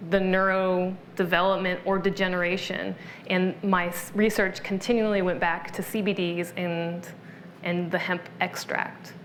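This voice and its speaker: In a conversational interview, a woman guest with a lowish voice explains wellness topics, laying out benefits one after another in an informative, explanatory way. A faint hiss or hum sits under the recording.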